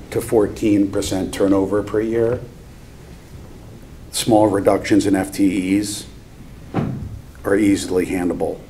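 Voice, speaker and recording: A man with a low, mellow voice explains his views at a board meeting. He qualifies his points as he goes, with faint noise behind him. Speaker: board of finance member. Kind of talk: measured meeting remarks.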